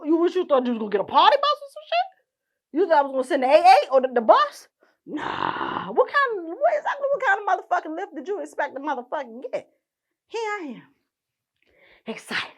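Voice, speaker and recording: A young woman hosting her own podcast, ranting indignantly and swearing constantly. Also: extremely high pitch. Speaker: podcast host. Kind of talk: profane ranting monologue.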